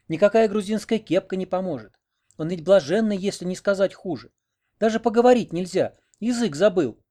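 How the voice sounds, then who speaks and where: A man doing a high, plaintive young woman. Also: warm tone. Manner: plaintive, complaining. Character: fretful young village woman.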